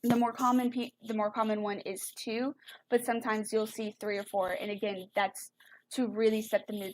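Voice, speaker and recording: A woman's voice: medium pitch, a little hiss or hum. Chatty woman teaching a music lesson. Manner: chatty, explanatory, with fillers and self-corrections. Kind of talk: live online music lesson.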